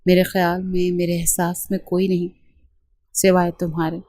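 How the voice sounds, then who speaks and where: A woman reading a gentle young wife in love. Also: fairly low pitch, completely flat delivery, natural voice. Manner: gentle, innocent.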